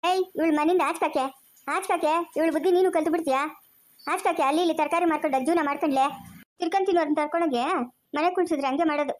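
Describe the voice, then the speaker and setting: A woman's voice: extremely high pitch, steady tone, racing. A woman playing a harsh older mother-in-law in a family drama skit, scolding with contempt. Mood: scornful.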